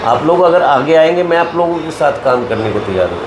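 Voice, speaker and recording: Speaking as an association leader in an interview, a man earnestly appeals to members, repeating points to drive them home. His voice is fairly high, animated and a little fast, recorded in an echoey room with background noise.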